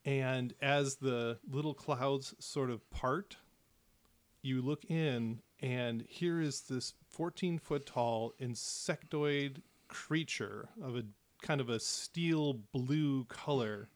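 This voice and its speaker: A man narrating a tabletop game as game master, in a relaxed, descriptive way with casual fillers. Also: mid-range voice, slow, no echo.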